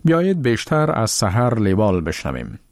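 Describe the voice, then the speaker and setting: A man reading the radio news as anchor in a measured, formal way. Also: lowish voice, wildly swooping pitch, darkish tone, no room sound, clean studio sound.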